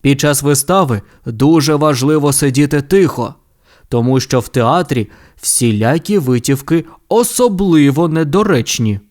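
A man's voice: medium pitch, expressive, a little slow, darkish tone, close to an everyday voice. A man voicing a stern male kindergarten teacher who scolds firmly. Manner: strict, scolding.

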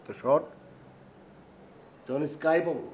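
An actor playing a boastful, bossy young would-be film director in a TV drama. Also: male voice, on the high side, a little mellow, lo-fi sound, slight background noise, lightly acted. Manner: boastful, bossy, fast-talking. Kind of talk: TV drama acting.

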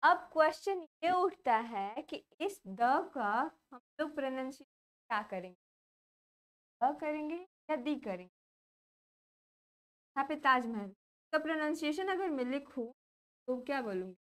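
A woman's voice: high voice, expressive, unhurried, long pauses, a bit bright. A young woman with an Indian accent teaching English grammar, who asks questions and then answers them herself. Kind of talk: classroom lesson explaining grammar.

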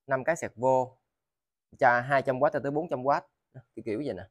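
A man with a southern Vietnamese accent giving a casual, rambling sales vlog, halting and often repeating his words. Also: mid-range voice, no echo. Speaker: seller of used motors and machine parts. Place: indoors in a cluttered tiled storeroom.

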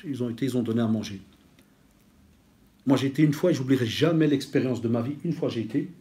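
A man delivers a lecture-style sermon, his voice mellow and warm rather than bright. He talks like a storyteller, lively and conversational, slipping Arabic expressions into his as he teaches. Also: mid-range voice, fast talker. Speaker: preacher and teacher.

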